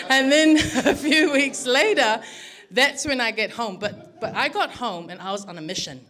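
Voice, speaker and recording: A woman's voice: a little high, a little slow. A middle-aged woman with a New Zealand accent, the groom's mother, giving a wedding speech full of acted-out family stories. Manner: animated storyteller, acts out family dialogue, laughing often. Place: wedding reception.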